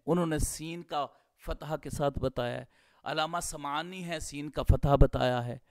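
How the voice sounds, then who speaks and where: High-voiced guy with a pakistani urdu accent lecturing, drawing words out slow to show how they're said. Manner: explains slowly, stretching out words to spell pronunciations. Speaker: Islamic scholar teaching hadith studies. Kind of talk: classroom-style lecture.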